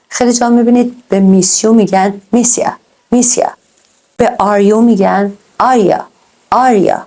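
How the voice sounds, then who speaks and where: Mellow-voiced woman teaching pronunciation. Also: mid-range voice. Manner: explains in Persian and slowly models English examples. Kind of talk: online language lesson.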